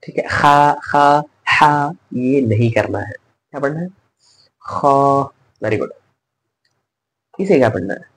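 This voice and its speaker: A man's voice: mid-range voice, animated, slow, pauses often, husky, low-quality recording. A man teaching letter pronunciation in a patient classroom style, repeating each sound and asking the learner to say it back. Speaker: Quran recitation teacher.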